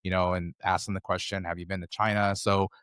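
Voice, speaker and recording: A man's voice: sits low, level tone, a little fast, fairly bright tone, clean tone, no echo, clean studio sound. An American man in his fifties, a podcast guest telling his travel stories in a rambling, conversational way. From United States. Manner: rambling, conversational, loosely strung anecdotes. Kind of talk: casual interview storytelling.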